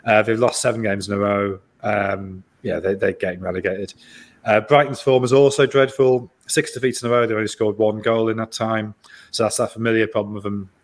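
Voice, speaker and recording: A man's voice: fairly low pitch, steady tone, a little fast. A man giving a football prediction, rambling with fillers. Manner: rambling, laughing, filler-heavy. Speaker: football pundit. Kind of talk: casual football chat.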